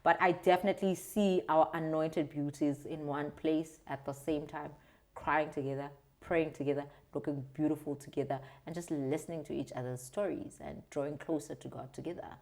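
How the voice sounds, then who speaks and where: Low-voiced South African woman, earnest and expressive. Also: moderate pace. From South Africa, Transkei. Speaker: interview guest, video creator. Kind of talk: conversational interview answers.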